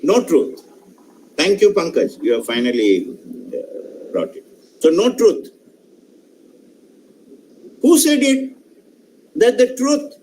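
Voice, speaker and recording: A male professor with an Indian English accent gives an online lecture on a session microphone, putting questions to participants and speaking emphatically, often repeating and restarting phrases. His voice is high-pitched with a darkish tone. The recording is rough, with slight background noise.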